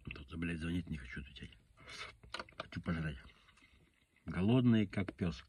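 A man's voice: low voice, expressive, moderate pace. A man rambling bluntly and crudely with his mouth full as he eats on camera. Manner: blunt, crude, musing while chewing. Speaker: food vlogger. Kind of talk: casual eating vlog, rambling aside. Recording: background noise.

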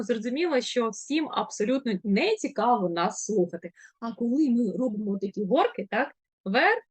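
A woman with a Ukrainian accent teaching a diction class, animated and demonstrating tongue twisters at speed. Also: a little high, breathy edge, dry recording. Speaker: speech coach.

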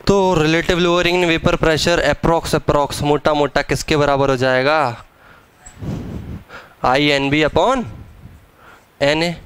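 A man's voice: on the high side, fairly even intonation, a bit bright, clean tone. A young man teaching chemistry in a live classroom lecture, speaking in a casual, teasing way and drawing out key terms. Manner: casual, teasing students, drawn-out stressed terms. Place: classroom with students.

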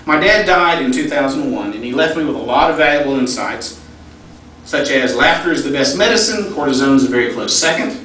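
A man's voice: mid-range voice, lively intonation, brisk, bright, forceful tone. A middle-aged man giving a personal, folksy storytelling speech at a fundraising event. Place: large event hall. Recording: echoey hall, distant mic, faint noise.

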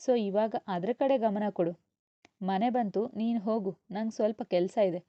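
A woman's voice: mid-range voice, a little slow, dry recording, close to an everyday voice. Woman doing a breezy young man. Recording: dull, dry lo-fi recording.

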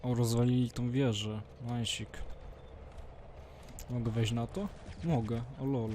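A man's voice: mid-range voice, steady tone, measured pace, mellow, a little hiss or hum. A man with a strained, sore-throated voice giving casual, slangy let's play commentary, often muttering and swearing to himself. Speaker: gaming YouTuber, host of a retro game series. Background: game gunfire and ambience.

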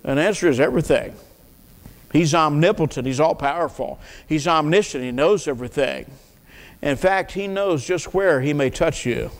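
A man's voice: on the high side, moderate pace. An older man preaching an earnest sermon at a church pulpit, asking the congregation questions and often repeating words. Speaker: pastor. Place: church sanctuary, at a wooden pulpit. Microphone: pulpit mic. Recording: long reverb of a church hall.

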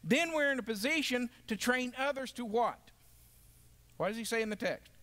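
A man's voice: extremely high pitch, lively intonation, moderate pace, fairly bright tone. A man teaching a Bible lesson to a class, emphatic and asking the group questions.

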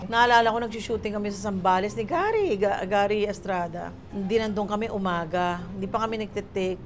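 A woman's voice: mid-range voice, a little fast, faint music behind. A woman from the Philippines, a guest actress, telling stories in casual chat and acting out what people said. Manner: animated, acts out quoted lines, mixes Tagalog and English.

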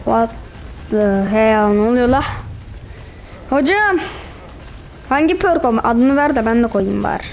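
A woman's voice: a little high, expressive, a little slow, long pauses, darkish tone, slight background noise. A woman commenting on her own gameplay, teasing and trash-talking the other players as she goes. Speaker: gamer.

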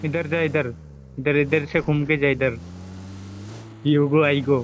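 A young man in gaming voice chat, trading teasing, quick banter with a teammate. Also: on the high side, level tone, a little hiss or hum. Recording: voice chat over game sounds.

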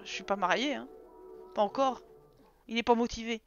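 Over slightly dull stream audio with game music, a woman with a somewhat high voice speaks at a moderate pace. She's a streamer casually commenting on a life-simulation game, talking to her characters and viewers and growing exasperated with them.

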